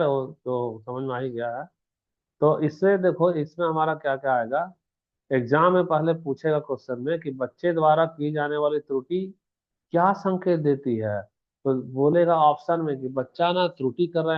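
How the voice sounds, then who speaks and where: A male teacher gives an exam-prep lecture in a slightly high voice. He keeps asking the class questions and then answers them himself. The sound is thin and phone-like. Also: moderate pace.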